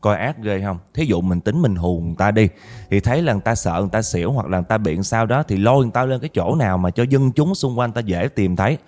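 A man's voice: fairly low pitch, lively intonation, fast, a little mellow. A man with a Southern Vietnamese accent narrating a ghost story in a chatty way, often talking straight to his listeners. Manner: chatty, addresses listeners directly.

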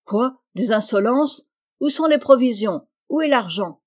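A woman's voice: on the high side, normal speed, a little mellow, voice pushed up, lightly acted. A woman reading the part of an angry, scolding army captain who barks at his servant. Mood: furious. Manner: barking, scolding. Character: irate portly army captain, male, middle-aged.

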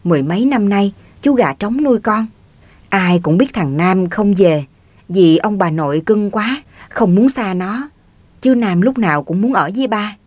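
A woman reading a story aloud as an audiobook narrator, in an even, plain way. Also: medium pitch, normal speed, dry recording.

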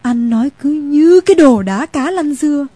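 Fretful middle-aged mother, slow and whiny, high voice, dry sound, played by a woman. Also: lively intonation, mellow, no echo. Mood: plaintive. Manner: slow, whining.

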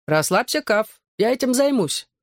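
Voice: mid-range voice, lively intonation, normal speed, no echo, clean studio sound, voice pushed up, lightly acted. A narrator voicing a cheeky, meddling teenage boy in an audiobook, teasing and theatrical. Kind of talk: audiobook character voice.

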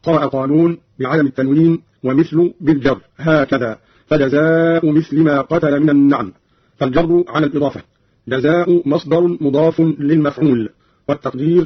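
Male radio presenter, husky voice, rapid formal explanation, dull dry old radio recording. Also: a little high, steady tone, no echo. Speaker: radio presenter of recitation readings.

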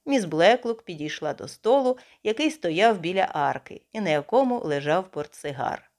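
A woman reads a detective novel aloud with expressive, storytelling flair. Her voice is lowish for a woman yet rises and falls widely, shaping each scene as the narration moves on. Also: moderate pace. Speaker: audiobook narrator. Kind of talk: scripted literary narration.

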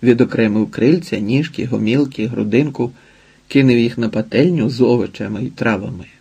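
Husky-voiced male audiobook narrator. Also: medium pitch, fairly quick, warm tone. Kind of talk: literary audiobook reading.

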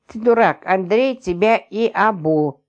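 A woman reading an audiobook, voicing a brash, coarse, scornful middle-aged wife with mocking, shrill scolding. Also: moderate pace, a little mellow, lo-fi sound, natural voice.

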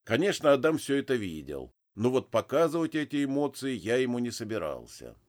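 A man reading a first-person story aloud in a measured, restrained way. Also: medium pitch, very animated. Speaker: audiobook narrator.

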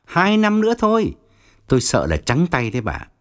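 A swaggering feng shui con man voiced by a man reading the story aloud, solemn and threatening. His pitch swings widely as he issues warnings and boasts about his fees. The telling stays plain, with no heavy disguise. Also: wildly swooping pitch, moderate pace. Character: smooth-talking middle-aged male feng shui swindler. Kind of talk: audiobook reading.

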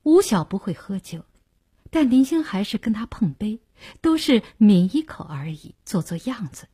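A woman reading a novel aloud for radio in a measured storytelling manner. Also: mid-range voice, very animated, mellow, slightly rough. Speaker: audiobook narrator.

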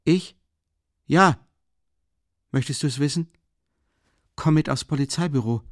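Brief: male reader doing a detached young ex-student, slow and eerily calm, voice pitched a bit high for an audiobook, close and dry. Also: no room sound, lightly acted. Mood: detached, brooding. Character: brooding young former student, calm and strange.

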